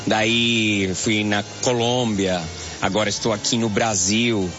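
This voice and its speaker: A man's voice: lowish voice, fairly even intonation. Earnest man giving testimony. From Venezuela. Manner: measured, earnest, deliberate. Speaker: church member giving testimony. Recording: dull radio broadcast with faint music.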